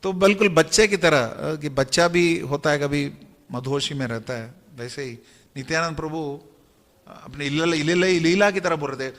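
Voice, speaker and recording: Man doing a story sermon, bright kinda high voice, chants verses, echoey hall sound. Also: moderate pace. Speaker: religious storyteller. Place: temple hall.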